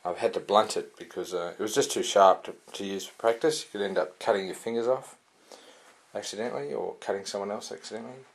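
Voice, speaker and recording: Man, somewhat low voice, casual review, hesitant, rambling. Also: fast, vocal fry. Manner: rambling and hesitant, many "uh" fillers and restarts. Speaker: sword reviewer.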